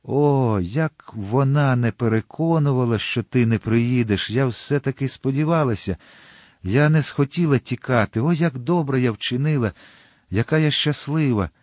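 A man's voice: medium pitch, a little slow, hardly any pauses, darkish tone, dry recording, studio quality, lightly acted. A man voicing a frail, loving young woman in a storybook reading, with a raised, breathless, pleading delivery. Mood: joyful.

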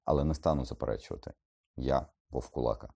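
Lupin, a calm weary teacher, read by a man. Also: rumbling low, creaky, husky, exaggerated voice. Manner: calm, measured, pleading. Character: calm weary grown male teacher, a werewolf. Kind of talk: audiobook character voice.

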